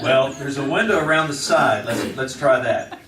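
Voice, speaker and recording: Actor as Matt Dillon, firm frontier marshal. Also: male voice, mid-range voice, moderate pace, a crowd in the background, close to an everyday voice. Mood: wary. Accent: American. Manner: dry, steady, commanding. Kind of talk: 1950s radio western acting and narration. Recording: noisy, echoey old radio recording, distant.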